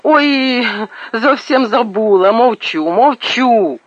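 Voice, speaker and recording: A man voicing a loud, excitable peasant woman with Ukrainian-Russian village speech, in a shrill, wailing, chattering voice. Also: slow pace, no echo. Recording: dull lo-fi audio.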